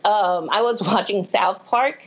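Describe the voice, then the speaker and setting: A woman's voice: medium pitch, a little slow, low-quality recording. A woman from Puerto Rico calling into a podcast, asking a rambling question and laughing along as she talks. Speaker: caller. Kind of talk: phone-in question.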